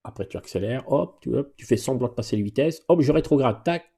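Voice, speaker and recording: A man's voice: mid-range voice, brisk, gravelly, husky. A man giving a casual live question-and-answer driving lesson as an instructor, talking to viewers in a familiar, chatty way with playful exclamations. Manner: lively exclamations and playful asides.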